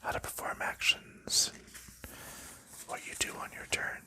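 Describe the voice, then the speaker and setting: This is a gentle ASMR board game unboxing: the man speaks only in a soft, breathy whisper, moving slowly and explaining each piece he pulls out.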